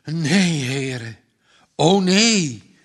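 A man's voice: on the high side, animated, a little slow, bright, forceful tone, pitched above the performer's own voice, full character voice. A man voicing a big older farmer who speaks in an earnest, trembling voice. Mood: despairing.

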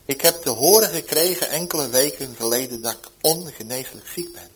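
A man's voice: mid-range voice, a little fast, slightly rough, rough recording. A man voicing a bitter, terminally ill man in his fifties who first scoffs and then pleads in anguish. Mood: desperate.

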